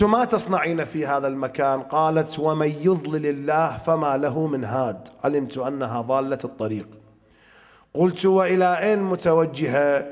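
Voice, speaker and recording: Measured preacher, man with a slightly high voice. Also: long reverb tail. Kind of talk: religious lecture with storytelling and recited verse.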